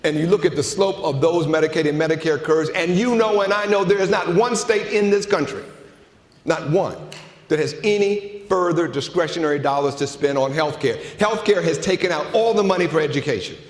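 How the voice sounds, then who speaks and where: A man's voice: a little high, brisk. A man giving an emphatic conference keynote in a large hall, repeating phrases for effect and asking rhetorical questions. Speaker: keynote speaker. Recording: echoey hall, long reverb.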